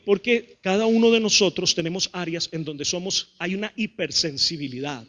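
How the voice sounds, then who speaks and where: A middle-aged Costa Rican man preaching a sermon as pastor, lively, acting out what people say and calling out to the congregation. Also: high voice, normal speed. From Costa Rica. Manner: lively, acts out quotes, calls to the crowd.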